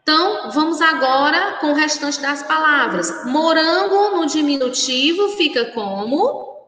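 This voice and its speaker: A Brazilian woman teaching young children in a recorded remote lesson, speaking slowly and patiently with a sing-song delivery. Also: sits high, expressive, fairly bright tone, echoey room, long reverb tail, poor audio. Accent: Brazilian Portuguese. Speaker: primary school teacher.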